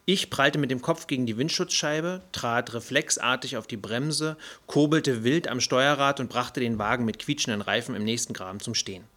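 A male audiobook narrator with a mid-range voice reads a scripted first-person story. His delivery is even and measured.

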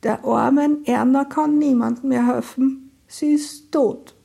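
A woman's voice: high-pitched, steady tone, slow, gravelly, dark tone, slightly rough, pitched above the performer's own voice, full character voice. A woman voicing a frail, shaken elderly woman with a brittle, cracking voice.

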